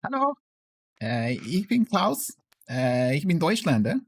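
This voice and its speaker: A man voicing a naive, bumbling farmhand at a job interview, hesitant and halting in broken English. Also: on the high side, big pitch swings, slightly rough, no room sound, clean studio sound, voice pushed up, heavily acted. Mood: eager, halting. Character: naive bumbling German farmhand job applicant named Klaus.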